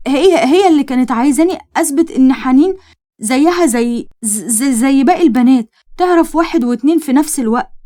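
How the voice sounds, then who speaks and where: Woman doing a cowardly young Egyptian man who stammers, talks fast and pitches up. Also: lively intonation, a little mellow, natural voice. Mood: frightened. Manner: stammering, frightened.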